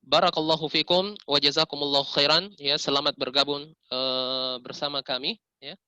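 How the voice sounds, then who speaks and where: Seorang pria Indonesia mengajar tajwid, mengoreksi bacaan dan mencontohkan pelafalan yang benar dan yang salah. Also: male voice, fairly high pitch, level tone, normal speed, pushed and bright, clean tone, no echo. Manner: corrective, demonstrates right and wrong recitation. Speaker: Quran recitation teacher. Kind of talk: tajwid lesson with recited examples.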